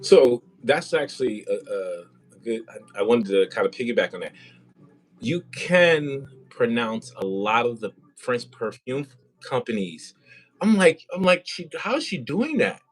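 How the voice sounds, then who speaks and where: A man's voice: mid-range voice, sing-song, unhurried, soft background music, low-quality recording. A man hosting a casual live interview, chatty and rambling with many fillers. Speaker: host. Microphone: compact wireless mic.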